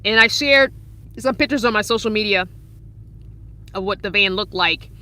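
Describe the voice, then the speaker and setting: A woman's voice: mid-range voice, moderate pace, pushed and bright. A woman in her forties talking casually and cheerfully from inside her parked van during a live stream, laughing often as she answers viewers. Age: 40s. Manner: chatty and upbeat, laughs often. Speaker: van-life vlogger reading live chat.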